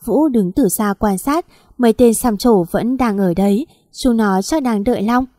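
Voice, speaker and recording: Lady reading a sad story, mellow kinda high voice, dry close sound. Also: normal speed, no echo. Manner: plaintive, emotional reading. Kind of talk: scripted story narration.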